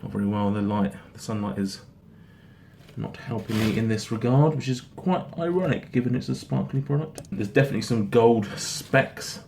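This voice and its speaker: Guy chatting through a food review, kinda rambly and stop-start, normal pitch, noisy recording. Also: creaky, a little mellow. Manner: halting, rambling, repeats himself. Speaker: snack reviewer. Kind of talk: casual product review chat. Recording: noticeable background noise.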